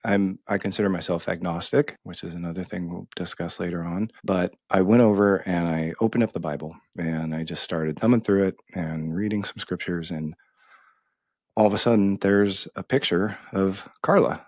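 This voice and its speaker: Deep-voiced man telling a heartfelt story. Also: dry recording, clean studio sound. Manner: halting, emotional, many restarts. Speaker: podcast co-host.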